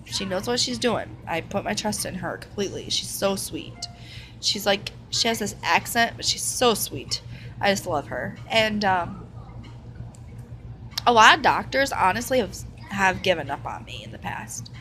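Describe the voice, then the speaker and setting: Soft music plays behind this poorly recorded clip of a young woman in her twenties chatting to camera about her illness. Her mid-range voice is expressive, pushed and bright, at a moderate pace, and she rambles with fillers and restarts.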